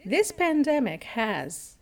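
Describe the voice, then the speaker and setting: A woman hosting a podcast in casual chat, reading out comments and talking in a halting way with many fillers. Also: fairly high pitch, big pitch swings.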